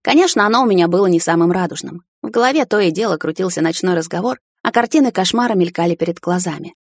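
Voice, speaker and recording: A woman narrating a first-person romance audiobook in an intimate, measured reading. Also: fairly low pitch, animated, dry recording, clean studio sound.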